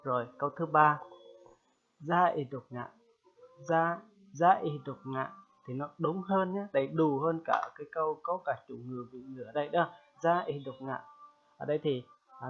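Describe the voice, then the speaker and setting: A man giving a casual spoken language lesson, repeating phrases slowly and loudly for learners and often checking in with them. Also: a little high. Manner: chatty, checks in with "được chưa?". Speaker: language teacher. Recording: tinny phone-like sound.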